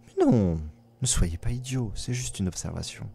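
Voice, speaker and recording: A man voicing a mysterious, aloof watcher spirit that speaks slowly and quietly. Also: medium pitch, gravelly, slight background noise, natural voice. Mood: hushed, enigmatic. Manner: slow, hushed, measured.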